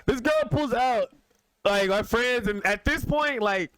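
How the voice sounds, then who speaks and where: A young man co-hosting a podcast, telling a story in a casual, slangy, animated way. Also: extremely high pitch, measured pace, clean tone, no room sound. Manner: animated, slangy, voice jumps up when excited. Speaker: podcast co-host.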